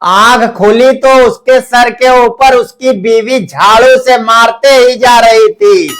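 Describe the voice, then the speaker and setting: A man telling a string of short jokes in a measured storytelling delivery, over faint background music. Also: extremely high pitch, fairly bright tone. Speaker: joke teller. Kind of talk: narrated joke telling.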